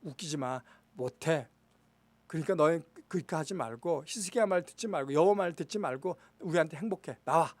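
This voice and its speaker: A man voicing an arrogant enemy commander who taunts and shouts threats. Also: fairly high pitch, brisk, dry recording, natural voice. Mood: taunting.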